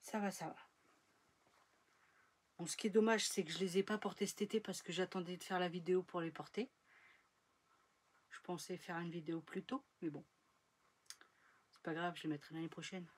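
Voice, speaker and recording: A woman's voice: on the low side, fairly even intonation, normal speed, long pauses, breathy edge. A woman chatting casually in a sewing vlog, rambling with fillers and trailing off as she shows her projects. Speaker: sewing vlogger. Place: home sewing room.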